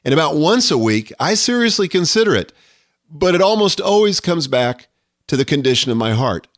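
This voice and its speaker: A man's voice: on the high side, big pitch swings, normal speed, no room sound, studio quality. A middle-aged man hosting a solo podcast, speaking earnestly and reflectively about leadership. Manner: earnest, reflective, quotes scripture. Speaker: podcast host.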